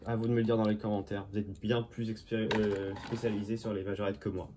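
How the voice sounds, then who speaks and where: A fast-talking Frenchman from Normandy, who collects toy cars, walks through his flea market haul in a casual show-and-tell. His fairly low voice is delivered flatly against a noisy background, and he keeps correcting himself and cracking jokey asides.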